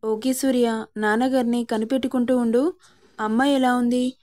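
A woman voicing a sweet, sensitive young bride in a storybook reading, soft and coaxing, sometimes close to tears. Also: a little high, fairly even intonation, moderate pace, close to an everyday voice. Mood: anxious.

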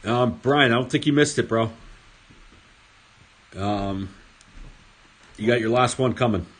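A man's voice: mid-range voice, a little slow, fairly bright tone, slightly rough. A man hosting a casual card break at a table, reading off player names as he opens packs. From Swedish heritage. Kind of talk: casual card-opening chat. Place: indoor table studio.

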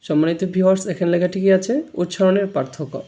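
A man's voice: sits high, fairly even intonation, racing, warm tone. A man teaching a Quran reading lesson, explaining how letters are pronounced and repeating each sound for learners to copy. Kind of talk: slow spoken lesson on letter pronunciation.

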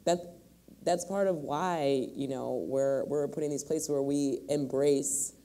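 A woman's voice: sits low, steady tone, unhurried, mellow. A woman in her forties from Michigan, speaking thoughtfully on a panel, with many restarts. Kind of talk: panel discussion. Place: large hall on a stage.

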